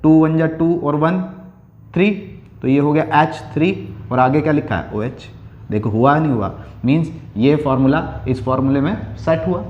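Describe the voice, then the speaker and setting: A man's voice: a little high, muffled recording. A male chemistry teacher giving a classroom lecture, explaining step by step and asking questions he then answers himself. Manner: slows down to dictate key lines. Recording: echoey room.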